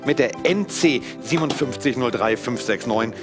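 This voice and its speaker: A man in his thirties giving a persuasive, emphatic live sales pitch as a teleshopping presenter in a TV studio. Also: normal speed. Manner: emphatic, persuasive, repetitive phrasing. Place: TV studio set. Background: background music.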